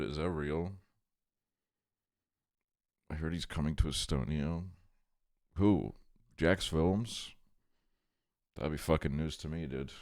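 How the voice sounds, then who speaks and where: A man's voice: very deep voice, darkish tone. A man chatting casually on a livestream as he reacts to a video, rambling, wry and swearing freely.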